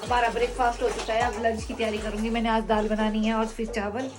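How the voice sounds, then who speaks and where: Young female home vlogger, friendly and talkative, slightly high voice. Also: little pitch movement, fast talker. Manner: chatty, addresses viewers as friends. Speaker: family vlogger. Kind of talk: casual vlog chat to viewers. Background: background music.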